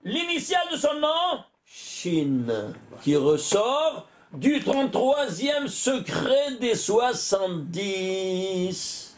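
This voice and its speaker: A man's voice: high-pitched, very animated, extremely slow, slight background noise. A rabbi giving a Torah lesson to a class, working through sums aloud and quizzing his listeners with rhetorical questions.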